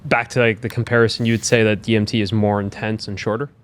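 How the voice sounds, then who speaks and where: A man's voice: on the low side, flat delivery, quick pace. A man hosting a podcast interview, curious and asking probing follow-up questions. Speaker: podcast host. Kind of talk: casual interview.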